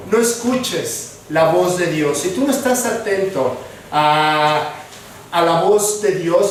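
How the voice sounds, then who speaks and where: A man's voice: high voice, a little hiss or hum. A man preaching a sermon as pastor, earnest and direct, talking straight to his listeners. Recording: echoey hall, voice from far off.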